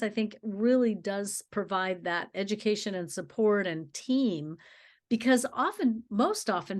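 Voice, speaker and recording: A woman with a medium-pitched voice hosts a conversational podcast interview. She talks in a chatty, reflective manner and affirms her guest. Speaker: podcast host.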